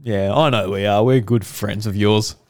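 A man's voice: fairly low pitch, steady tone, moderate pace, darkish tone, no echo, studio quality. An Australian man hosting a casual chat with friends, with a joking, teasing manner. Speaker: podcast host. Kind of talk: casual banter among friends.

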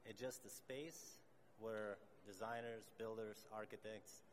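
A man from Lithuania, a tile setter introducing himself deliberately on a panel. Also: lowish voice, fairly even intonation, slight background noise.

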